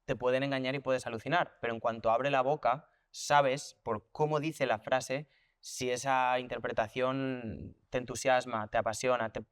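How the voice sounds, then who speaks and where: A man's voice: medium pitch, fairly even intonation, moderate pace, clear, resonant tone, no echo, studio quality. A man from who teaches voice and acts, speaking reflectively in an interview and repeating words as he thinks things through. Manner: reflective, thinks aloud with restarts and repetitions; explains with hands-on examples and comparisons. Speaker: voice teacher and actor. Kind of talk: conversational interview.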